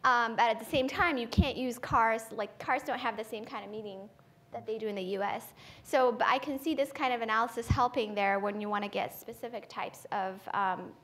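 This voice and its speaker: A woman's voice: fairly high pitch, fairly quick, a bit bright. A woman from Ethiopia speaking as a panelist at a conference forum, thinking aloud with many fillers and restarts and ending points with "right?". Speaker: panelist, AI researcher. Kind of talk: conversational panel talk.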